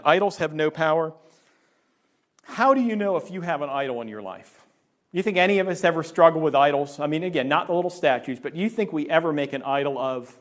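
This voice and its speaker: A middle-aged male pastor preaching in a church, his voice a little higher than most men's. He talks to the congregation like a conversation and keeps asking "right?" Now and then he acts out someone's worried inner voice with sudden high jumps in pitch. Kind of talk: sermon.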